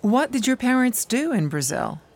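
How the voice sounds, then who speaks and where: An actress asking friendly questions in a scripted textbook dialogue. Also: female voice, a little high, sing-song, normal speed. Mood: curious.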